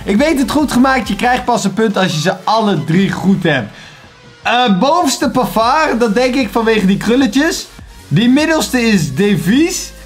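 A young man with a Dutch accent, chatting casually and excitedly as he plays a football quiz for his channel, muttering to himself as he guesses. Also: extremely high pitch, a little slow, faint music behind. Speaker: YouTuber playing a quiz. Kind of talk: casual commentary while guessing.

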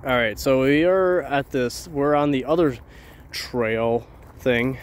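Guy vlogging outside on a handheld cam, informal, kinda rambles and repeats himself, normal mid pitch. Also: takes it slowly. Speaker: YouTuber, vlog host. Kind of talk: casual handheld vlog narration to viewers. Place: outdoors at night on trails and roads. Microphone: handheld camera.

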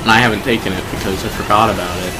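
A man's voice: lowish voice, fairly even intonation, rapid-fire, very noisy. A young man streaming a racing game, chatting casually and rambling through jokes with a friend. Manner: joking, rambling banter. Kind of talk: casual gameplay chat. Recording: game music behind.

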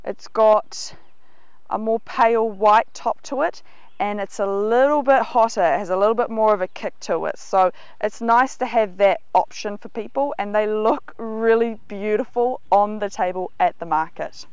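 A woman's voice: medium pitch, normal speed, a little mellow, clean tone, no room sound. A woman in her thirties with a New Zealand accent, giving an enthusiastic guided tour of her market garden outdoors. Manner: enthusiastic, explanatory, walking and pointing at crops. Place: outdoors in a large vegetable garden.

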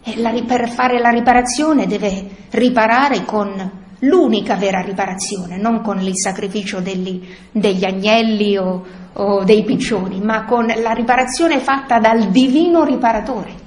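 A woman giving a spiritual teaching talk to a prayer group, earnest and explanatory, often pausing on fillers and restarting phrases. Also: mid-range voice, a little mellow, reverberant. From Italy. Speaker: speaker leading a prayer group.

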